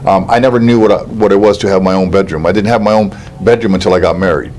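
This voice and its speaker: Fast-talking older man from Cuba. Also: sits low, a little mellow. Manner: earnest, talks fast in long runs with frequent um and uh. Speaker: political candidate, guest. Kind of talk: interview answers.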